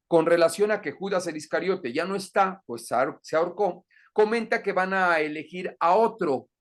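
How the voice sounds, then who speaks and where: A man teaching an introductory Bible class, explaining patiently and often checking that the listener is following. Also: sits high. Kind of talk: catechism lesson.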